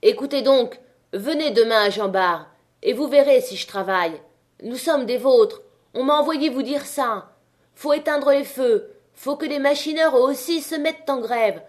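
A woman's voice: high-pitched, a little slow, pitched above the performer's own voice. A woman voicing a jealous, defiant male miner who speaks with taunting bravado in an audiobook reading.

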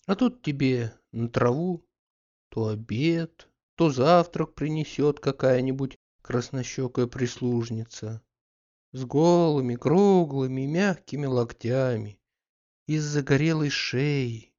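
Man voicing Oblomov, lazy dreamy gentleman. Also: mid-range voice, takes it slowly, close to an everyday voice. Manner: drowsy, wistful, then fussy. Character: lazy dreamy gentleman landowner, male, middle-aged. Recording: slightly muffled audiobook recording.

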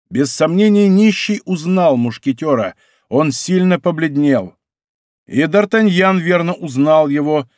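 A man reading an adventure novel aloud as a narrator, with expressive, steady storytelling. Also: a little high, dry recording, clean studio sound. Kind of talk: audiobook narration.

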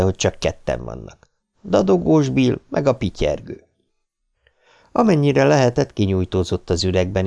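A man reading an audiobook in an expressive, dramatic storytelling manner. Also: fairly low pitch, creaky. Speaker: audiobook narrator. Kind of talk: scripted narration.

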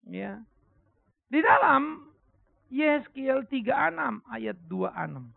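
A middle-aged man preaching a sermon as a pastor, telling stories from his own life in an animated, emphatic way. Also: extremely high pitch, slow pace, gravelly, no room sound. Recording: tinny lo-fi sermon recording.

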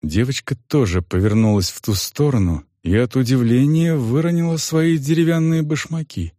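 In clean studio sound with no room ambience, a man with a mid-range voice narrates a scripted fantasy audiobook. He tells the story in a measured, expressive way.

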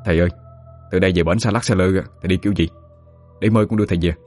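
A man's voice: low-pitched, steady tone, racing, darkish tone, faint music behind. A man voicing a sniffling, earnest grown child with a Southern Vietnamese accent.

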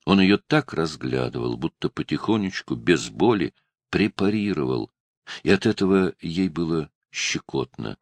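A man narrating a novel as an audiobook reader, with an even storytelling delivery. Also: a bass voice, moderate pace, dry recording. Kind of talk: scripted narration.

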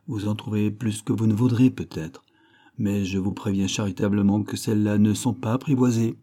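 A man's voice: lowish voice, fairly even intonation, moderate pace, mellow, close to an everyday voice. A man reading an audiobook, voicing a pompous, lecturing middle-aged animal dealer who declaims in grand, wordy phrases. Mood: grandiloquent. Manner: grandiloquent, declamatory, fond of rare words.

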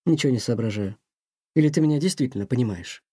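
A man voicing an aging museum director who sighs and speaks softly and kindly. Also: medium pitch, expressive, fast, breathy edge, no echo, studio quality. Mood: wondering. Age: older. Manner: sighing, soft-spoken, talks kindly to a mouse. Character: weary aging male museum director, gentle and sad.

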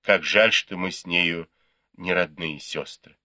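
A man voicing a proud, quick-tongued young noble lady in an audiobook, reproachful and teasing. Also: deep voice, bright, forceful tone, no echo, heavily acted. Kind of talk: audiobook character reading.

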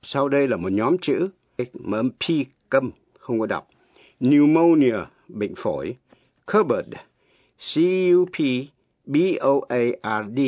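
Slow, husky male radio teacher. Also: medium pitch, dry recording. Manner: slow, deliberate, spells words letter by letter. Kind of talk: slow radio language lesson. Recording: dull, lo-fi radio broadcast.

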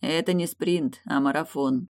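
A woman reading an audiobook voices a restrained, serious young man, measured and firm. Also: low voice, a little mellow. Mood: calm tender.

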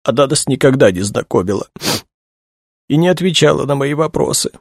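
A man reading a novel aloud, voicing a distraught young woman who is crying and speaks in a halting, high voice. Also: animated, creaky, darkish tone, husky, dry recording, clean studio sound. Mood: tearful. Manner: halting, tearful, high-pitched.

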